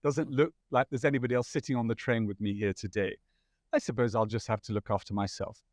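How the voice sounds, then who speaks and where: A man's voice: mid-range voice, steady tone, fast, darkish tone, dry recording, studio quality, natural voice. A man voicing a candid blind woman. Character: cheerful blind woman on a train.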